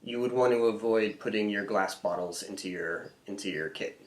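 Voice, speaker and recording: A man co-hosting a podcast, explaining points in a measured, casual way. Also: on the low side, reverberant. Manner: measured, explanatory, with "you know" fillers. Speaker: podcast co-host. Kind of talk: casual chat.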